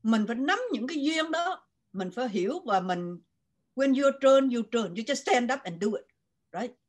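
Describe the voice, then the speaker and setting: Older Southern Vietnamese woman, interview guest, slightly high voice, lively code-switching storyteller. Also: moderate pace. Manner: animated, mixing Vietnamese and English. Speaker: guest writer.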